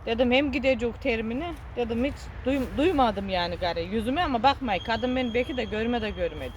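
A woman's voice: fairly high pitch, expressive, brisk, a little hiss or hum. A woman with a Trabzon Turkish accent, telling an emotional personal story in an earnest, regretful way. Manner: earnest, regretful, speaks with repetition and local dialect words. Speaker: vlogger.

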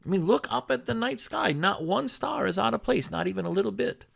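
Gravelly-voiced man preaching conversationally. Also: high-pitched, expressive, fairly quick, fairly bright tone. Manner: conversational preaching, rhetorical questions. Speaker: pastor. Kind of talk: sermon.

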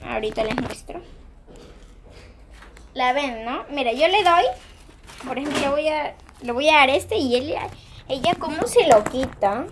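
Giggly, high-voiced woman vlogger. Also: a little slow, pauses often, background noise. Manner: giggly, excitable, chatty with viewers. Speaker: pet vlogger. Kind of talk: casual home vlog.

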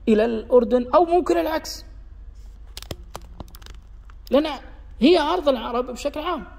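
A high-pitched man with a Gulf Arabic accent teaches a dialect lesson, drawing out sounds one at a time to show how they are made. His voice is gravelly, and a long reverb hangs on his words. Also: darkish tone. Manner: demonstrates sounds by repeating them slowly; sketches a diagram while explaining. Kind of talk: explanatory lesson.

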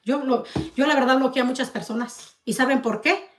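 A woman rants to camera in her vlog, accusing and bitter. Her voice sits high, and she stacks up hard rhetorical questions. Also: brisk, fairly bright tone. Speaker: vlogger. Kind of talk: heated confrontational rant to camera.

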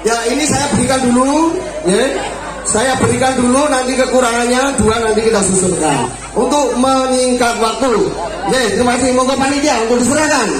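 A man's voice: extremely high pitch, brisk. A man with a Javanese Indonesian accent co-hosting and announcing live from an outdoor event stage. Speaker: event committee co-host. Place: outdoor tented stage before big crowd. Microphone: event microphone through PA speakers. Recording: very echoey PA, music and crowd noise.

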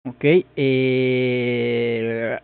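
A man's voice: mid-range voice, monotone, extremely slow, smooth, dry recording. A man vlogging his first try at a new language, thinking aloud hesitantly and repeating phrases as he works them out. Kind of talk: casual thinking-aloud commentary. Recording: tinny phone-like sound.

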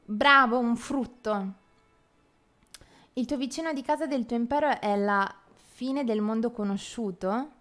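A woman's voice: on the high side, measured pace, fairly bright tone. Chatty young woman streaming a game. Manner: chatty and playful, laughs often, reads chat aloud. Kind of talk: casual live game commentary.

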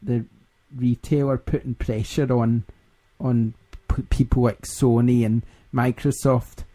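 A man's voice: mid-range voice, level tone, takes it slowly, mellow. A Scottish man hosting a gaming podcast in casual chat, laughing often and rambling. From Scotland. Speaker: podcast host.

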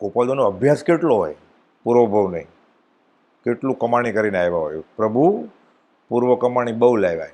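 A man's voice: a little fast, long pauses. A man giving a devotional discourse at a spiritual gathering, telling stories and acting out the dialogue with sudden rises and drops in his voice. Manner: animated storytelling, acts out dialogue with swings in pitch and loudness. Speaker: spiritual speaker at a satsang.

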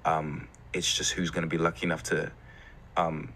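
Brief: young man, very low voice with a bright edge, reflective and measured. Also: little pitch movement, slight background noise. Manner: thoughtful, asks questions, hesitant with fillers. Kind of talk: casual chat.

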